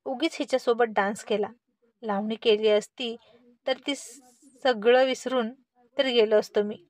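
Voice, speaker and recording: A woman voicing a spoiled, dramatic teenage boy who whines and complains loudly, in a read-aloud family story. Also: a little high, steady tone, a little slow, no room sound, lightly acted. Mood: brooding. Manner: whiny, loud complaining.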